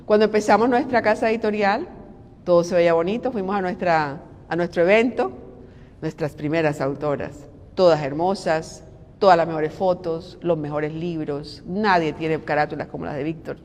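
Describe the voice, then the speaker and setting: A middle-aged woman giving a devotional sermon in an animated, conversational way, full of rhetorical questions. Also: on the low side, moderate pace. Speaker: preacher and devotional host. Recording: long hall reverb.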